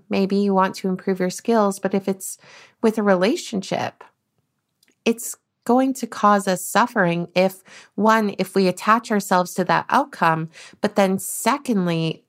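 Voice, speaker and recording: A woman hosting a solo self-help podcast, talking earnestly and casually, often repeating and restarting her words. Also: medium pitch. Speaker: podcast host.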